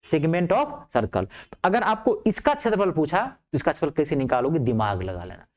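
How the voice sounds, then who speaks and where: A male math teacher. He explains geometry step by step, keeps asking whether things are clear, and drops his voice low to answer his own questions. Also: wildly swooping pitch, brisk. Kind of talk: lively classroom math lesson.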